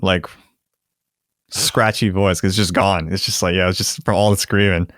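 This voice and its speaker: A man's voice: low voice, normal speed, no echo, studio quality. A young man co-hosting a podcast, telling stories in casual chat and laughing often. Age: young adult. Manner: laughs often, animated storytelling. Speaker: podcast co-host.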